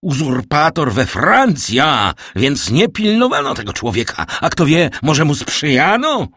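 A man voicing an indignant aging king who gives commands and sharp rebukes in an audiobook reading. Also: fairly low pitch, animated, normal speed, dry recording, studio quality, voice pushed up. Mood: outraged. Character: indignant aging king, imperious and quick to anger.

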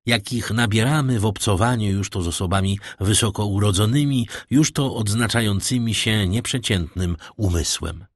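Husky low-voiced male audiobook narrator. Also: no room sound, studio quality. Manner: measured, even literary reading.

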